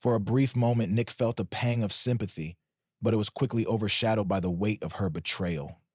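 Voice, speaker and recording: Low-voiced man narrating a story. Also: a little fast, darkish tone, breathy edge, no room sound, clean studio sound. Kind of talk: scripted narration of a drama story.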